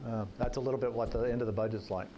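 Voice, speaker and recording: Speaking rapid-fire in a steady, mid-range voice, a man who works as a political journalist addresses a breakfast audience as guest speaker. His talk is folksy and anecdotal, sprinkled with jokes, with background noise in the room.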